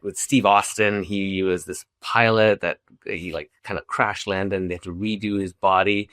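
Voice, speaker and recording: A man's voice: low-pitched, a bit bright, dry recording, studio quality. A middle-aged man from Zambia, a company founder talking casually as a podcast guest, with many restarts and fillers. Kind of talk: casual interview chat.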